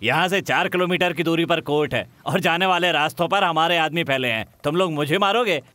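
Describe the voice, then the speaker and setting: An arrogant crime boss. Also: male voice, a little high, fairly quick, bright, forceful tone, no echo. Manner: boastful, mocking. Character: powerful middle-aged boss, arrogant. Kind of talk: Hindi film dub acting. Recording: film audio with music.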